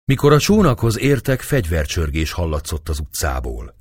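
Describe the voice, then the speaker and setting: Male audiobook narrator, dramatic novel reading, very low husky voice, dry close sound. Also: no echo. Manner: expressive, storytelling delivery.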